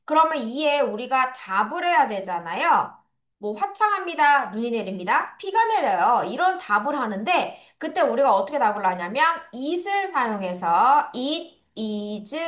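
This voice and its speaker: A young woman teaches English to children in a recorded lesson, her high voice very animated and fairly bright at a moderate pace. She's friendly, calls the students her friends, and drills pronunciation by having them repeat after her.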